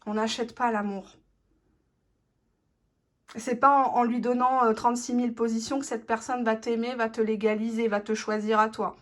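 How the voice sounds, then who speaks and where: A woman's voice: on the high side, flat delivery, a little fast, few pauses. A woman giving a blunt, cheeky tarot reading straight to the viewer, voicing the partner's thoughts in first person. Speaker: tarot reader.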